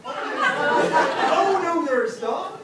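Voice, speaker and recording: A woman playing Goldilocks as a cheeky, excitable pantomime girl, hamming it up for the audience in broad stage style. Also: very high voice, drawn-out words, a loud crowd, full character voice. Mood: cheeky, hammy. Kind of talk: stage pantomime acting with audience back-and-forth. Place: theatre stage, distant mic. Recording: echoey theatre from far off, music and audience. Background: music and audience noise.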